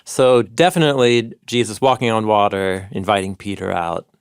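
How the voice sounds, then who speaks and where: A man co-hosting a podcast in an eager, scholarly way, digging into ancient sources. His voice has a gravelly creak and an average pitch. The studio sound is close and dry. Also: steady tone, normal speed, no room sound. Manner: enthusiastic scholarly explaining, citing ancient sources. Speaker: podcast co-host, Bible teacher. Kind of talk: explanatory podcast conversation.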